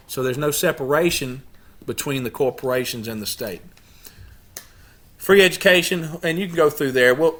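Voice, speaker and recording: A man's voice: mid-range voice, fairly bright tone. A man hosting a channel, leading a lecture-style study session, who speaks emphatically, keeps asking his listeners rhetorical questions and often restarts his words. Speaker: YouTube channel host leading a study group. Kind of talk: lecture-style talk to a group.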